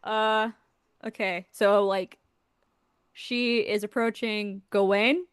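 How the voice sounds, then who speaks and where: A woman's voice: medium pitch, steady tone, slow pace, clean tone, dry recording. A woman playing in an online tabletop game, chatting with lots of fillers. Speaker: player. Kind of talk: casual tabletop play.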